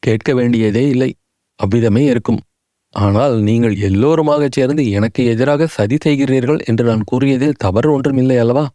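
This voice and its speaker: A man's voice: mid-range voice, normal speed, warm tone, no room sound, studio quality, close to an everyday voice. A man voicing an aging, grief-stricken king who speaks in bitter, brooding accusations. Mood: brooding, accusing.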